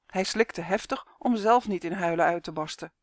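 A woman reading a children's storybook aloud in a calm, even narrating manner. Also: lowish voice, moderate pace, no echo, studio quality. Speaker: audiobook narrator.

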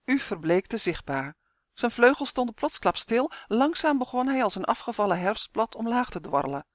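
A woman's voice: on the high side, no echo, clean studio sound. Woman reading a children's story aloud. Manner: measured, expressive storytelling. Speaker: narrator. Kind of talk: audiobook narration of a children's story.

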